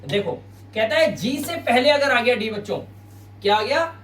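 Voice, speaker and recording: A man's voice: very high voice, lively intonation, moderate pace, a bit bright, distant mic. A man teaching an English lesson in Hindi at a board, patiently repeating each word and quizzing his listeners. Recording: roomy sound, mic set back, faint hum.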